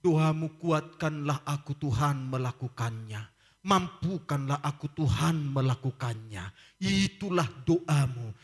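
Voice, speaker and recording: Animated preacher man. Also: mid-range voice, breathy edge. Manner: animated preaching, acts out quoted voices, laughs. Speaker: pastor. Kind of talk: lively sermon.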